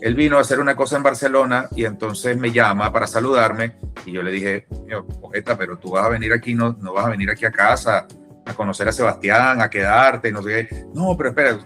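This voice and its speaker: A man with a Venezuelan accent, an interview guest and musician, telling a lively story and acting out the people in it. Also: on the low side, fairly quick, soft background music. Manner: animated anecdote teller who acts out quoted dialogue. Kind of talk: casual storytelling.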